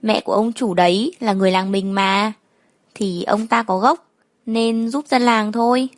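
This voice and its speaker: A woman's voice: medium pitch, steady tone, normal speed, dry recording, lightly acted. A woman voicing a young village girl's older sister, bossy but coaxing. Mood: explaining.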